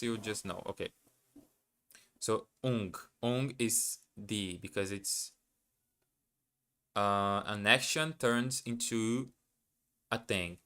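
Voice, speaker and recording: Thinking out loud while streaming his language study, this man, whose first language is Portuguese, sounds hesitant and keeps correcting himself. His voice sits on the low side and has a sharp tone.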